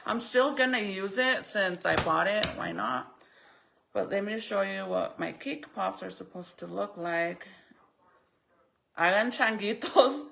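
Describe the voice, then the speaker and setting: A woman vlogger with a bright, sharp voice and plenty of vocal fry talks casually to her viewers. She rambles informally as she thinks aloud, speaking with a retainer in her mouth. There is faint background noise. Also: mid-range voice, lively intonation, a little slow. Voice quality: speech slightly impeded by a retainer in her mouth. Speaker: vlogger showing crafts and baking. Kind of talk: casual chatty vlog to viewers.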